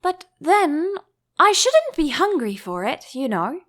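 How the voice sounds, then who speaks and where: A woman voicing a polite, curious young girl with a gentle, earnest manner in a storybook reading. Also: high voice, wildly swooping pitch, slow, voice pushed up, exaggerated voice. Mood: thoughtful.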